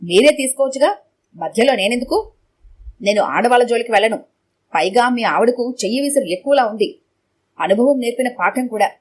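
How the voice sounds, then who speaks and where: A woman narrator voicing a gruff, blustering male burglar with a knife. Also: very high-pitched, expressive, fairly quick, long pauses, slight background noise. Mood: gruff threatening.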